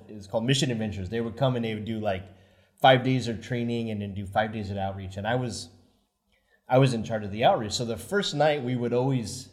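Low-pitched male missionary, reflective, laughs easily, loose rambling phrasing in casual talk. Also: darkish tone. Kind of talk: casual conversation, reminiscing.

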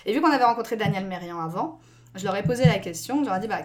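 A woman in her twenties from France, a podcast guest who talks in a lively way with many fillers and gestures a lot. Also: mid-range voice, racing. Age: 20s. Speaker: guest, school staff member. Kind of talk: casual podcast interview.

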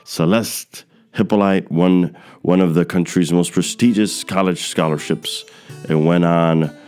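A man's voice: low voice, steady tone, unhurried, darkish tone, faint music behind. A young man from Queens, hosting a podcast interview, reading a scripted intro and then talking loosely with many fillers. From Queens, New York. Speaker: podcast host.

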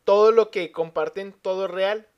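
High-voiced young Mexican host, street slang. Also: male voice, fairly even intonation, normal speed, highs cut off, noisy background. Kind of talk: casual chat.

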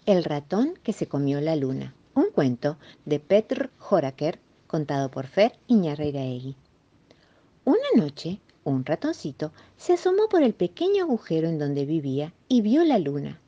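A woman reading children's stories and poems aloud, expressive and playful. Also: low voice, measured pace, highs cut off. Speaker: storyteller.

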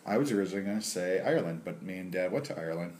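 A man's voice: sits low, animated, very fast, a little mellow, a little hiss or hum. A man co-hosting a casual trivia board game, joking and laughing often. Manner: jokey, laughs often, slips into put-on accents.

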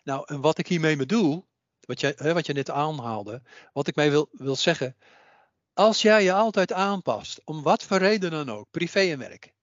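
A man's voice: on the high side, animated, moderate pace, no echo. A man who works as a psychic medium, talking as a podcast guest in an earnest way, often repeating himself to drive a point home. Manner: earnest, repeats phrases while making a point. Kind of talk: casual podcast conversation. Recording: dull, muffled audio.

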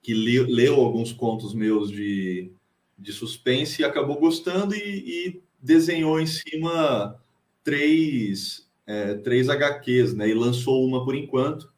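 A Brazilian man, a writer and teacher, answering interview questions casually with many pauses and restarts. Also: mid-range voice, darkish tone, reverberant. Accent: Brazilian Portuguese. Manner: hesitant, many fillers and restarts.

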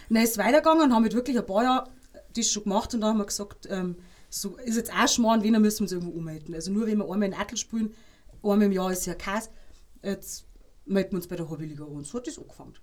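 A woman with a Bavarian accent, a podcast guest telling lively anecdotes in casual chat and laughing between them. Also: medium pitch, quick pace. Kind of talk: casual storytelling.

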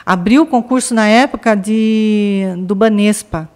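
A woman from Brazil, a podcast guest, telling a family story in a lively way and acting out her relatives' lines. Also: medium pitch, unhurried. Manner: lively, acts out family members' quoted lines. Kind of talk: casual storytelling in conversation.

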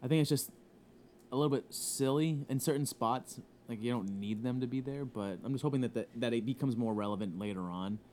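A young man in casual podcast chat, excitable and quick to swear and laugh. His voice sits at an ordinary middle pitch. A faint hiss of background noise runs under him. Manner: profane, excitable, laughs often. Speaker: podcast panelist.

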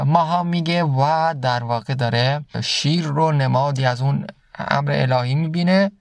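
A man teaching classical poetry. He recites verses slowly, then explains the words in plain talk. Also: mid-range voice, creaky, no room sound, studio quality.

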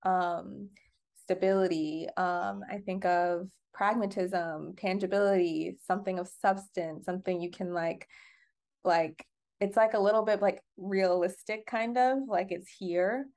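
A woman's voice: medium pitch, fairly even intonation, a little slow, a little mellow. A young woman co-hosts a podcast and explains in an easy, conversational way. She keeps circling back with filler words and restarts as she thinks aloud. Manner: chatty, many fillers and restarts. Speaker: podcast co-host. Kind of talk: casual explanatory chat.

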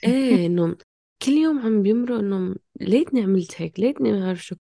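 A woman's voice: medium pitch, expressive, very fast, vocal fry, mellow, dry recording, studio quality. A woman talking casually and passionately, questioning herself in fragmented bursts. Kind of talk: casual, impassioned conversation.

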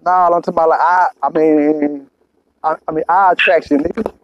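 A man's voice: fairly high pitch, fairly even intonation, brisk, lo-fi sound, a little hiss or hum. A man chatting casually in blunt, profane street slang, often repeating himself to press his point. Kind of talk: casual conversation.

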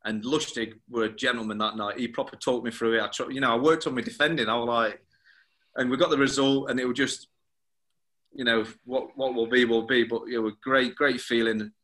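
A man recounts stories in an interview. His voice is bright and forceful, and he slips into quoted dialogue as he goes. His pitch sits at a middling level. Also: a little fast. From England. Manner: animated storyteller who acts out quoted dialogue. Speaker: former footballer, guest. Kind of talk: anecdotal interview chat.

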